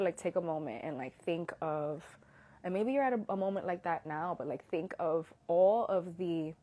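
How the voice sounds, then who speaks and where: A woman in her thirties with a lowish, darkish voice hosts an emotional, casual Instagram Live. She speaks earnestly from the heart, sometimes lowering to a whisper as she tries not to cry.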